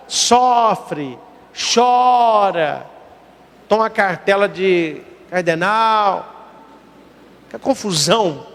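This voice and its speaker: A priest preaching a sermon, telling stories with acted dialogue and asking the audience questions. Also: male voice, high-pitched. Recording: long hall reverb.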